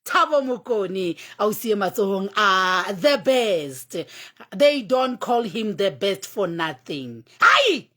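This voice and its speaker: A woman with a Sotho accent hosting live radio, exuberant and exclamatory, calling out shout-outs and repeating words in quick bursts. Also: mid-range voice, animated. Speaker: radio host. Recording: music behind the voice.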